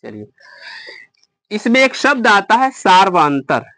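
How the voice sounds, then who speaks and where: High-voiced male math teacher, dry. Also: big pitch swings, takes it slowly, pushed and bright, no echo. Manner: explains step by step, quizzes students. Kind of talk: classroom lesson. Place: classroom.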